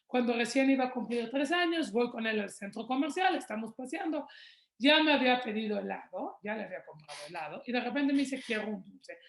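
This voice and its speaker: A woman's voice: fairly high pitch, animated, brisk, roomy sound. A woman, answering questions in a webinar on raising children and telling stories from her own family. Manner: warm storytelling, acts out quoted dialogue. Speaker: parenting speaker.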